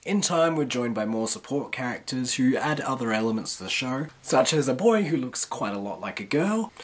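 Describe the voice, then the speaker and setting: A woman presents a review in a hoarse, flu-roughened rasp. Her husky delivery swings widely in pitch as she talks through her points like a video host. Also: big pitch swings, normal speed, faint music behind. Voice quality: raspy, rough voice from illness. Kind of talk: review to camera, semi-scripted.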